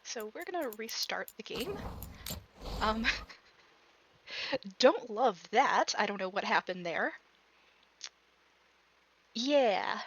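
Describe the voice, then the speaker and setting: Excitable, slightly hoarse woman gaming. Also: a little high, takes it slowly, pauses often, slight background noise, rough recording. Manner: chatty, excitable, apologetic. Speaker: let's play streamer. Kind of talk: casual gameplay commentary. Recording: voice over game music.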